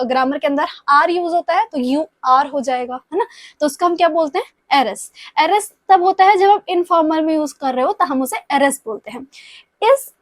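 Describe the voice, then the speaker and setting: High-voiced young woman with a sore throat. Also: dry recording, studio quality. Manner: patient, repeats points, checks in with "ठीक है?". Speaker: Spanish tutor. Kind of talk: explaining grammar to exam students.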